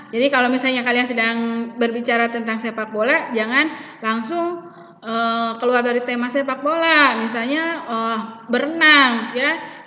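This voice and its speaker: A woman's voice: on the high side, pushed and bright. Woman teacher in an echoey hall. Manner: explains step by step, with frequent hesitations. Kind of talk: classroom lesson explanation. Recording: echoey hall, distant mic, dull sound.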